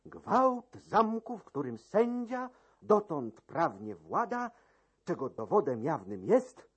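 A man's voice: a little high, very animated, takes it slowly, husky, voice pushed up, full character voice. A man voicing a pompous old male court usher, declaiming in formal legal style in a dramatic verse reading.

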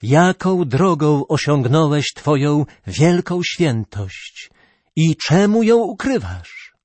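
A man voicing an old, humble hermit asking a hushed, reverent question in a storybook reading. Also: on the high side, very animated, slow pace, no echo, heavily acted.

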